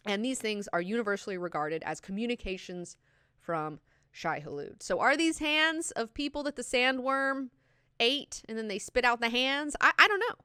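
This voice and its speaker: A woman's voice: a little high, animated, moderate pace, pushed and bright, smooth, no echo, clean studio sound. A woman hosting a book club, talking through the chapters in an enthusiastic, profanity-laced, chatty way. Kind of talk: casual book discussion.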